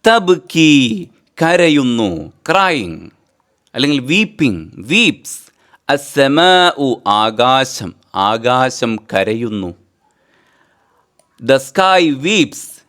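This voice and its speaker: A male teacher going through a poem line by line for students. He recites each verse slowly and drawn out, then patiently glosses every word, repeating the meaning in several ways. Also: mid-range voice, big pitch swings, fairly bright tone.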